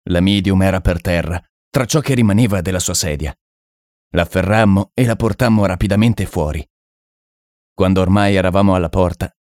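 Male audiobook narrator, low voice, dramatic measured delivery, dry booth sound. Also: darkish tone, dry recording.

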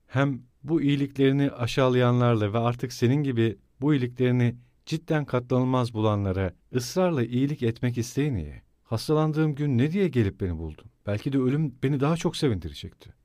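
A man voicing a feverish, bitter young male student who speaks low, tight and measured, in a dry audiobook recording. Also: expressive, a little mellow, no room sound, natural voice.

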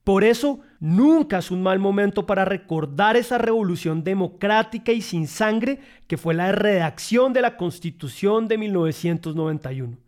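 A man's voice: high voice, expressive, moderate pace, few pauses, a little mellow. A man with a Bogotá Colombian accent hosts a podcast, reading scripted narration with playful, colloquial asides. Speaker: podcast host.

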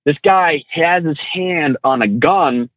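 A slightly high-voiced man who trains truck drivers tells road stories slowly and casually. He's laid-back and slangy, with lots of fillers and restarts. The audio is narrow and tinny, with slight background noise.

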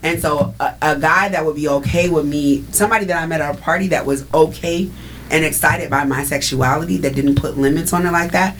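Low-voiced woman in frank chat. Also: steady tone, brisk, a little hiss or hum. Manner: frank, explains at length. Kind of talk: casual group chat.

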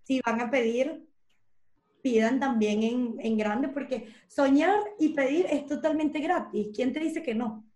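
A woman telling a personal story in a relaxed talk, animated and quoting herself often. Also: sits high, a little slow, echoey room. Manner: animated, quotes herself a lot. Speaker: guest. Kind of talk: casual storytelling.

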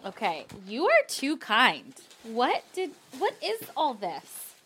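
A woman co-hosting a podcast who excitedly gushes over fan mail in casual chat. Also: a little high, takes it slowly, slightly rough. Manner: excitable, gushing, exclamatory. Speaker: podcast co-host.

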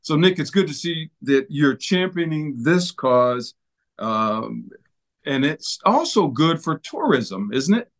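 A man's voice: on the high side, expressive, slow pace. A man hosting an interview, asking questions and encouraging his guest in a friendly way. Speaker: host.

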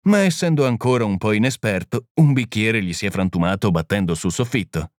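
A man's voice: on the low side, animated, fairly quick, darkish tone, dry recording, studio quality, natural voice. Man reading as a mild, patient little priest. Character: small gentle priest-detective, calm and patient. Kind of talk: audiobook reading.

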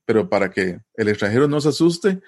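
A man's voice: fairly low pitch, sing-song, a little fast, a little mellow. A man from Costa Rica with a Costa Rican Spanish accent, explaining things in a conversational interview and often checking in with tag questions.

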